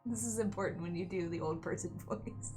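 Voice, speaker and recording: A woman hosting a casual board game show, playful and quick to laugh at herself. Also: on the low side, darkish tone, faint music behind. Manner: giggly and playful, jokes about herself.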